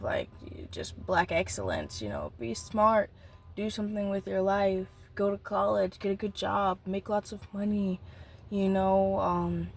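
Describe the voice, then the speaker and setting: A nineteen-year-old woman talks through her thoughts like a spoken journal, slightly low in pitch for her age. She rambles and stops to restart her sentences. Faint street noise hums behind her voice. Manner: rambling, reflective, halting with many restarts. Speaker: vlogger. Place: outdoors next to a busy street.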